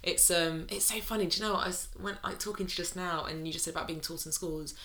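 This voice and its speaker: A British woman chatting informally as an interview guest, with a soft R that sounds close to a w. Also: fairly low pitch, fairly even intonation, quick pace. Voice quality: soft R, says w for r. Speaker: cookbook author interviewed as guest. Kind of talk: casual conversational interview.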